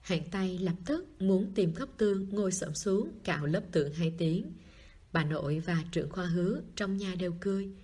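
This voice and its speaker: A woman narrating an audiobook in a calm, even storytelling manner. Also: lowish voice, moderate pace, husky.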